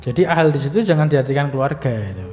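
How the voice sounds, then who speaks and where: A man's voice: mid-range voice, animated, fast, darkish tone, soft background music. A man teaching Arabic grammar in a religious study lesson, explaining patiently with many fillers and light humor. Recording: muffled recording with long hall reverb.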